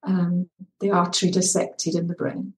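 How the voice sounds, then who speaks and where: A woman's voice: lowish voice, flat delivery, normal speed, distant mic. Scottish woman, earnest and echoey. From Scotland. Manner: earnest, reflective, encouraging. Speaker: guest, well-being coach. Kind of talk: podcast interview. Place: home in Turkey, remote call. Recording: echoey room, off-mic, faint music.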